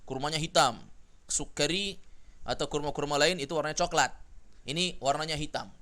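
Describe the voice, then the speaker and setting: A man's voice: fairly high pitch, a little fast, bright, forceful tone. An Indonesian man teaching Arabic grammar in a classroom lesson, often asking his students questions and having them repeat the answer.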